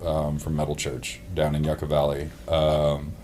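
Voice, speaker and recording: A man's voice: very deep voice, completely flat delivery, unhurried, darkish tone, a little hiss or hum. A man, a metal band member, talking casually and rambling in an interview, laughing easily. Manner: rambling, lots of fillers and restarts, laughs easily.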